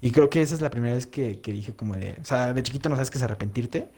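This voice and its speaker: A man with a Mexican accent telling a story in casual chat, animated and full of slang, acting out voices as he goes. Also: mid-range voice, fast talker, breathy edge. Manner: animated, heavy slang, acts out voices in anecdotes.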